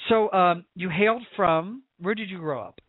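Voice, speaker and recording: A man's voice: sits high, moderate pace, no echo. An American man hosting a chat show, gushing and joking in a campy way, with many restarts. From United States. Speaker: host. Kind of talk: casual interview chat. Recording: tinny dry phone-like line.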